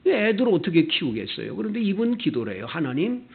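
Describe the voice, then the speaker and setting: Lively gravelly-voiced male pastor preaching. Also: fairly high pitch, moderate pace. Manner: animated preaching, acting out quoted customers in character. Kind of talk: sermon. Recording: tinny, phone-like church video audio.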